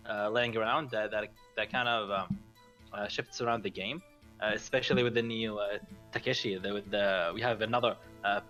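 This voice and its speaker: A man co-hosting a casual gaming podcast, talking hesitantly with lots of pauses and restarts. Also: on the low side, fairly bright tone, highs cut off. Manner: hesitant, many fillers and restarts, laughs easily. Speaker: podcast co-host. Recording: faint music bed behind.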